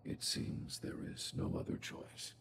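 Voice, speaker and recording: An actor playing an old, outdated robot in a video game, calm and coldly logical, speaking formally through a robotic filter. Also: male voice, a little slow, a little hiss or hum. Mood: solemn, analytical. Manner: formal, literal, calculating speech. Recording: loud game music behind. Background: game music.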